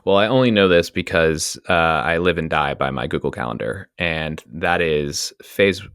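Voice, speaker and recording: A man's voice: extremely low pitch, normal speed, vocal fry, clear, resonant tone, no room sound, clean studio sound. A man co-hosting a podcast in casual conversation, chatty and prone to restarting his sentences. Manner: chatty, stumbles and restarts when animated. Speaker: podcast co-host. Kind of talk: casual chat.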